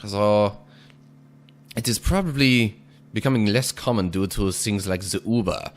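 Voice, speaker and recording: A gaming video host offers casual gameplay commentary in a put-on, exaggerated foreign accent. His voice sits on the low side, and he talks in a measured, deliberate way, chuckling now and then.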